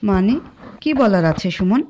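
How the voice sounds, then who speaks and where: Here is a stubborn, moody young man from a spoken storybook, voiced by a woman. His words are short and pointed. The tone is soft and mellow, pitched slightly above a plain speaking voice. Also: expressive, a little slow, a little hiss or hum, natural voice. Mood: weary.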